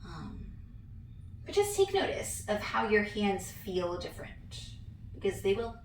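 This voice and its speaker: A young woman teaching a guided hand massage class, relaxed and chatty, laughing at herself now and then. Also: medium pitch, unhurried, slight background noise. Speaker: yoga instructor. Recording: echoey room, voice from a distance.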